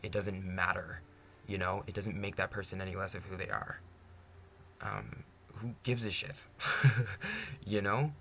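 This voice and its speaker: Young male vlogger, deep voice with heavy fry, earnest and candid, faint hiss behind. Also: a little slow, pauses often, sharp tone. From Canada. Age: 20s. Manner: earnest, candid, says "you know" constantly, laughs often. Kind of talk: personal monologue to camera.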